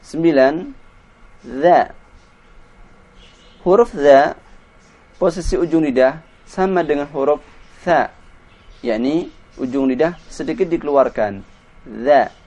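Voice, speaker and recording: A man's voice: on the high side, a little mellow. A man teaching Quran pronunciation, patiently drilling letters and syllables one by one. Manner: patient, spells sounds out slowly and repeats them. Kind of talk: slow tajwid lesson with drilled syllables.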